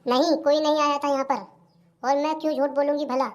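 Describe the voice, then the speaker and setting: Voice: sits high, fairly even intonation, fairly quick, highs cut off, natural voice. A voice actor playing a suspicious, fearful old village mother-in-law in a comedy cartoon, speaking with a rural Hindi accent. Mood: defensive. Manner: suspicious, fretful, muttering asides.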